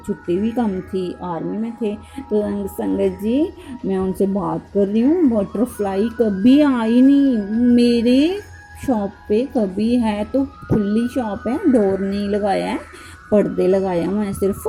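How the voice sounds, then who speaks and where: A woman's voice: medium pitch, dark tone. A middle-aged woman giving a devotional satsang testimony, telling her story and often turning to address the congregation.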